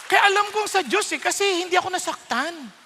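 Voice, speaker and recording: A man's voice: very high voice, a little fast, a crowd in the background, background noise. A Filipino man, a pastor, preaching a sermon and telling his own story, acting out the voices he quotes. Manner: animated storytelling, acts out quoted voices, mixes English and Tagalog. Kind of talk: sermon with personal testimony. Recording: long reverb of a large hall.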